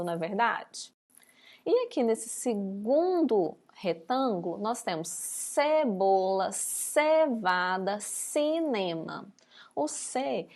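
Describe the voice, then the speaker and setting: A woman's voice: a little high, a little mellow. A Brazilian woman teacher giving a recorded lesson to young pupils, stretching out words syllable by syllable. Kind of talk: recorded remote school lesson.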